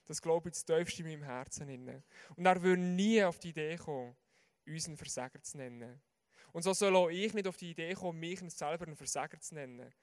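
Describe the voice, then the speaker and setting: Swiss German male preacher, sermon, earnest, asks the listeners questions directly, voice a bit high.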